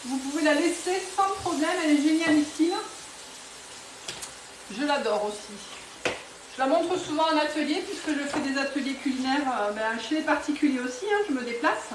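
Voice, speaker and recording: Speaking at a normal speed with a voice that sits high, a southwestern French woman from near Toulouse chats enthusiastically through a live cooking demo at home, dropping lots of fillers and restarts. There's background noise, and the recording is roomy and a bit distant from the mic.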